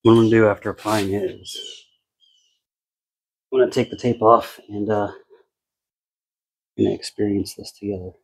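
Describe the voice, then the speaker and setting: American guy doing a casual product demo, lowish raspy voice, low-key, kinda thinking out loud while he works. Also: fairly even intonation, moderate pace, long pauses, rough recording. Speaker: car care product reviewer. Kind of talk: casual unscripted product demonstration.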